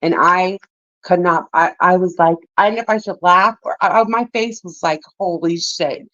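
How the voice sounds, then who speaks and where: This livestream co-host is a woman with a lowish voice, moderate pace and fairly bright tone, with no room sound. She rambles through casual gossip commentary, laughs often and swears freely, all in dull, dry lo-fi stream audio.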